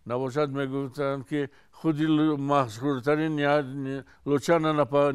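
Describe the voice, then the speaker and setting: A Tajik-accented man in his seventies, a singer from Tajikistan, telling stories in an unhurried way with frequent restarts during an interview. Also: mid-range voice, clean tone. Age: 70s.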